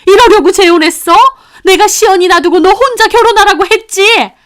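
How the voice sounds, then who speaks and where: A woman voicing an older grandmother in a storybook, shouting furiously at her son in a high strained voice. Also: moderate pace, close to an everyday voice.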